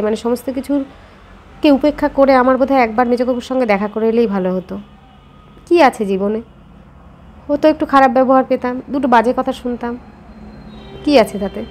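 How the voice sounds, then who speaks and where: A woman's voice: high-pitched, fairly even intonation, racing, a little mellow. A woman, chatting directly to viewers in a casual daily vlog. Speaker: vlogger.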